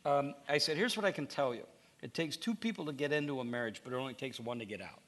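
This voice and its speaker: A man's voice: medium pitch, lively intonation, fast. A middle-aged male pastor preaching in a conversational way, telling stories and acting out quoted dialogue, with frequent restarts. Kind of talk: conversational sermon.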